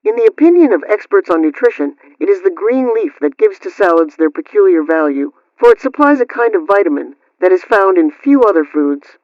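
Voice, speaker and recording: A man's high, sing-song voice runs fairly quickly with hardly any pauses as he reads scripted household advice like a radio host: formal, instructional, carefully enunciated, a question and then its answer. There's no room sound, and the audio is dull and lo-fi, like radio.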